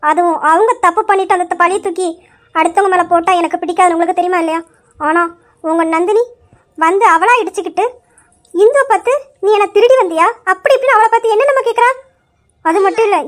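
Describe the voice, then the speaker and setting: A woman voicing a proud, protective young woman of the house, speaking sternly and firmly. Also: extremely high pitch. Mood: indignant. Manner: stern, commanding. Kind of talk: amateur Tamil story drama.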